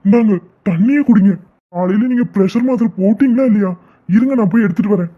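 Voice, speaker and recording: Actor voicing a fed up cartoon son, raspy, sounds like over a phone line. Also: mid-range voice, fast, lightly acted. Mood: panicked worried. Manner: firm, exasperated, then panicked. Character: young adult son, stubborn, refusing an arranged marriage. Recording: tinny phone-like audio.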